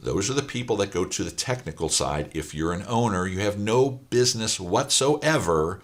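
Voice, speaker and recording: Worn hoarse and raspy from a weekend of speaking, a middle-aged Ohio business coach for auto repair shops talks to camera at normal speed. His voice is on the low side and expressive, and he is emphatic, with many fillers and repeated points.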